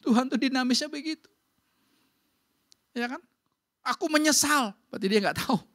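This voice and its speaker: A woman pastor preaching a sermon in a church, talking in a lively, conversational way straight to the congregation. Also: sits high, a little fast.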